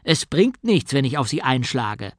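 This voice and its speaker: A man's voice: mid-range voice, big pitch swings, unhurried, no echo, studio quality. A man voicing a practical young male tinkerer who explains things patiently in an audiobook.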